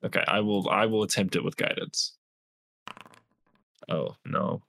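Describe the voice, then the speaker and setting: Low-voiced man asking game questions. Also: measured pace, gravelly, a bit bright. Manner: hesitant, filler-heavy questions. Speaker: player. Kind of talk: casual game chat.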